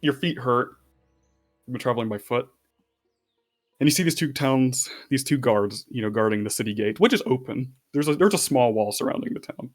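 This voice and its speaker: A man narrating as game master for a tabletop role-playing game, relaxed and rambling with fillers. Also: medium pitch, normal speed, faint music behind.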